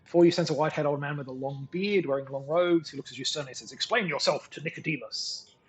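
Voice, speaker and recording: A man's voice: a little high, very fast, slight background noise. A man hosting a gameplay video, reading the text of a digital gamebook aloud and breaking off for dry, sarcastic asides.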